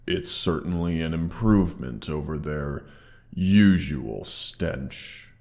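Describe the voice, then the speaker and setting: A man heavily acts the part of a menacing, proud, wounded dragon guarding its hoard in a scripted roleplay monologue. His voice is very deep, slow and gravelly, with haughty, deliberate delivery and archaic wording, all processed with a monster-voice effect.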